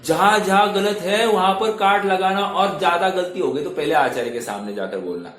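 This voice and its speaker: A man's voice: sits high, normal speed, a bit bright, slight background noise. A man teaching a religious scripture, often asking the listeners questions and chanting verses. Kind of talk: scripture discourse. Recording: echoey room, faint ambience.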